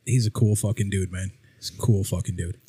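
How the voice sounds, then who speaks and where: A man's voice: sits low, steady tone, brisk, mellow, husky, no echo. Laid-back swearing podcast guy, dry sound. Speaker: podcast co-host. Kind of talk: casual chat over drinks.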